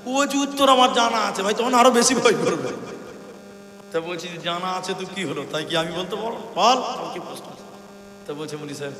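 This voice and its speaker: A man preaching a sermon at a religious gathering, telling a story, acting out both sides of a conversation, and building up to shouts. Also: high voice, expressive, a little fast. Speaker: Islamic preacher. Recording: echoey hall reverb, faint hum.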